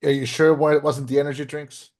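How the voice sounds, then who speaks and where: A man's voice: on the high side, level tone, fast talker, a little mellow. A man in his late twenties co-hosting a casual movie review podcast, talking bluntly and swearing freely. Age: 20s. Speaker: podcast co-host.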